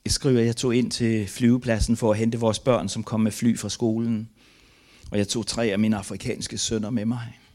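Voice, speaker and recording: An older man from Denmark, a missionary giving a testimony, reads aloud from his own memoir in an earnest, grief-laden and halting way. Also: fairly low pitch, flat delivery, a little mellow.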